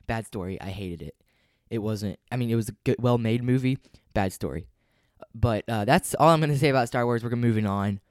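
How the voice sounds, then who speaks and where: A man's voice: lowish voice, a little mellow, clean tone, no room sound, clean studio sound. A man hosting a podcast solo, giving casual, opinionated news commentary in a flippant, rambling way. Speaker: podcast host.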